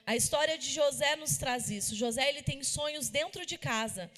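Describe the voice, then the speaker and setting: Woman pastor preaching, higher voice, echoey church hall. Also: moderate pace, fairly bright tone. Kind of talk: sermon.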